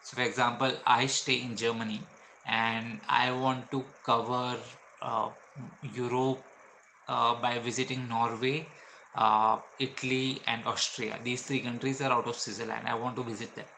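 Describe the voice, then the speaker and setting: Indian-accented male vlogger, bright forceful tone, faint ambient noise; patient explainer. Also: mid-range voice, little pitch movement, normal speed, vocal fry, low-quality recording. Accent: Indian English. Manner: explains step by step with frequent uh fillers. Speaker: travel vlogger. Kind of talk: explanatory travel tips.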